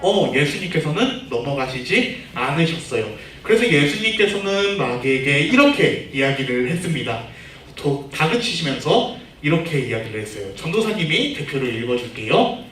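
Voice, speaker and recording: Animated man preaching to children. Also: fairly high pitch, normal speed. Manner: animated, asks children questions and leads them in reading. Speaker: junior pastor. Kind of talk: children's sermon. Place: church room. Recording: echoey room, far from the mic, faint noise.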